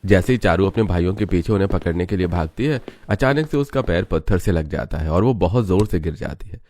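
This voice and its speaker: A man narrating a cartoon story in a steady, explanatory storytelling manner. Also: sits low, a little fast, no room sound.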